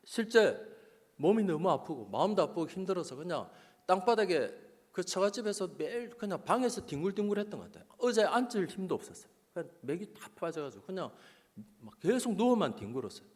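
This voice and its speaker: A man's voice: high voice, big pitch swings, fairly quick, darkish tone. A middle-aged man, a pastor, tells a personal story in a sermon, with his voice climbing and dropping with emotion. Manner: emotional storytelling testimony, rising and falling. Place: church sanctuary. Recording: long church hall reverb.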